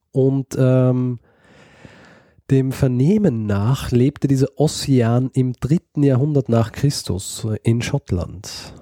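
A man with a dark, mellow voice recounts a history story on a podcast. He talks casually, pausing often and restarting his sentences. The sound is dry and close. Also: medium pitch, no echo. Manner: hesitant, many fillers and restarts, laughs easily. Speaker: podcast co-host.

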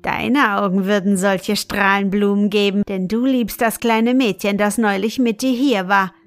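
A woman's voice: medium pitch, fairly even intonation, unhurried, dry recording, faint music behind, lightly acted. A woman reading an evil old wizard. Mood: coaxing. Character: evil old male wizard who lures children.

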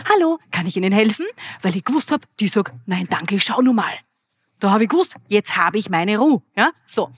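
A lively, energetic Austrian woman, a business trainer and keynote speaker, delivers an interactive keynote on stage in an event hall before a live audience. Her voice is fairly high-pitched, with no echo, and she speaks directly to the crowd.

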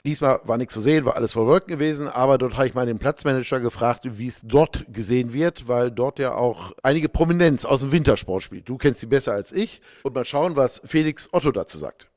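Relaxed man in a dry chat. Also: medium pitch, fairly quick, few pauses, dry recording. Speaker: podcast co-host. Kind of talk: casual chat.

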